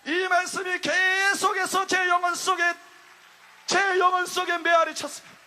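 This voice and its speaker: A man's voice: very high voice, monotone, normal speed, pushed and bright. A male pastor preaching a fervent, emphatic sermon to a congregation.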